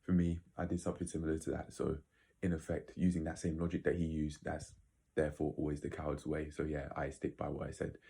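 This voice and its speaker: Male vlogger, very low and mellow, casual opinionated rambler who speaks bluntly. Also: completely flat delivery, quick pace, gravelly, slightly rough. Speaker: video creator. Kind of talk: casual opinionated monologue to viewers.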